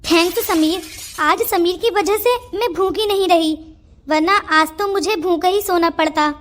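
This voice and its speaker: A shy, humble village girl in a cartoon story, as a woman voices her. Her voice is very high. She is polite and quick to apologise. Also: fairly bright tone.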